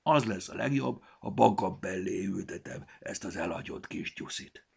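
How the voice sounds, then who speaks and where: A man's voice: deep voice, animated, vocal fry, husky, exaggerated voice. A man voicing a sniffly gnome with a blocked nose. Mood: grumbly stuffy. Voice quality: stuffy nose, blocked consonants. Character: sniffly little gnome with a cold.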